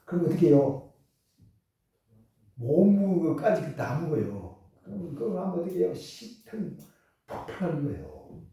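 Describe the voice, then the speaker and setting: Pastor, man, lively sermon delivery with a warm tone, recorded far off in a reverberant hall. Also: a little high, normal speed, pauses often. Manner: animated preaching with frequent laughter and rhetorical questions. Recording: echoey hall, far from the mic.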